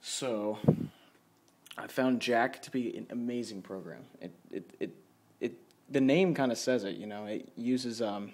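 In a dim room at his home computer, a man offers an offhand tour of his studio setup, talking casually and teasing himself a bit. His medium-pitched voice is a little slow and a little mellow. There's slight background noise and music playing, recorded on a handheld camera or phone mic.

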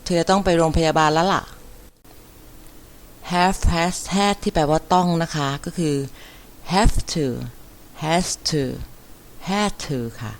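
A woman teaching an English vocabulary lesson, repeating each word and spelling it out letter by letter with careful, deliberate enunciation. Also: low voice. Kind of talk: slow vocabulary lesson, spelling words aloud.

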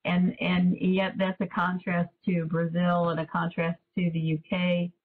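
A woman hosting for a foundation, chatting casually in a webinar, speaking haltingly and repeating words as she searches for them. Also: lowish voice, completely flat delivery. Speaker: host for a foundation. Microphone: video call. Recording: tinny phone-like call audio.

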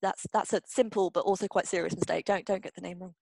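A woman's voice: fairly low pitch, steady tone, fast, vocal fry, a little mellow, dry recording, poor audio. A young woman hosting a publishing workshop, reading out questions and answering them in a chatty way, with frequent ums and restarts. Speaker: publishing marketing workshop host.

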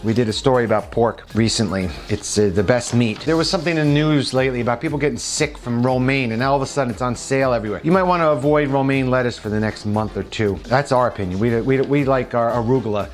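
A man's voice: mid-range voice, fast talker, hardly any pauses, soft background music. A man with a New Jersey accent gives casual, opinionated commentary on store flyers, chatty with frequent restarts. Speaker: vlog host.

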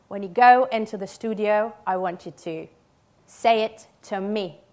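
A woman's voice: medium pitch, a little slow, darkish tone. A woman in her thirties giving a conference talk, emphatic, with short punchy statements and check-in questions. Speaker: conference speaker, radio ad writer. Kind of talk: conference presentation. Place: theatre stage.

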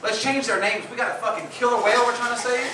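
Young guy doing crude stand-up, kinda high voice, sounds far off in an echoey club with loud noise. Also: fairly even intonation, fast talker. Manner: crude, rambling, puts on high voices for women. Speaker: stand-up comedian. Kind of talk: stand-up comedy set. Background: audience laughter.

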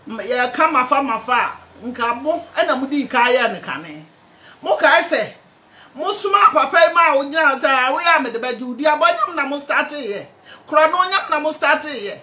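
Older woman, Ghanaian accent, high voice, impassioned scolding, phone video at home. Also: bright, forceful tone. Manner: scolding, preachy and pleading. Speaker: party supporter. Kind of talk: impassioned address to camera. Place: indoor room at home. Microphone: phone camera close up.

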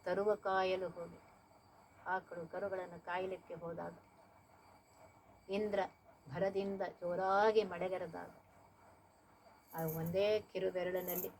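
A woman's voice: fairly low pitch, little pitch movement, slow pace, pauses often, darkish tone, a little hiss or hum, poor audio. A woman singing devotional verses and explaining them in plain everyday speech as a teacher.

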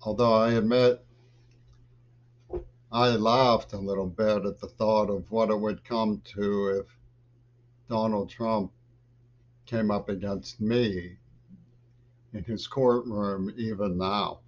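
An older vlogger rants slowly at the webcam on his desk in a small home office lined with bookshelves, rambling about politics. His lowish, fairly even voice lurches agitatedly between loud bursts and mutters, captured in dull lo-fi webcam audio.

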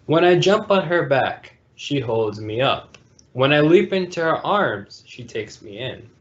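Over a video call, a man hosts storytime, reading a children's picture book aloud in a mid-range voice with big pitch swings and an unhurried pace. The audio is dull and lo-fi.

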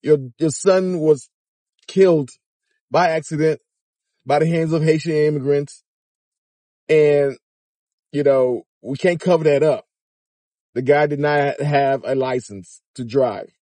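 A man's voice: on the high side, steady tone, slow pace, long pauses, mellow, no room sound. A middle-aged man giving informal commentary in a car, emphatic and challenging, with incredulous rhetorical questions. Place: inside a car.

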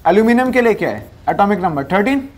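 A male science teacher in a classroom lesson who fires off quiz questions and answers them himself, dropping lower for the answers and repeating key terms drill-style. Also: sing-song, quick pace.

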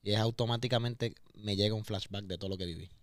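Talking fast in a lowish, fairly even voice, this singer from Puerto Rico opens up emotionally during a candid podcast interview in a studio. His Puerto Rican Spanish accent comes through, and he repeats words as he hunts for the right one. The sound is clean with no room noise.

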